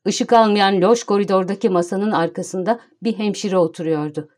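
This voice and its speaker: A woman narrating an audiobook in a measured, storytelling manner. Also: mid-range voice, a little mellow. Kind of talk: scripted narration.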